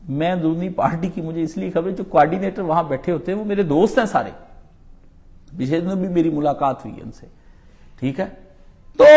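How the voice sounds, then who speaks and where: A middle-aged man from Pakistan giving a Friday sermon, impassioned, with sudden loud swings, closing with recited Arabic supplications. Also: on the high side, gravelly. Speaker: preacher.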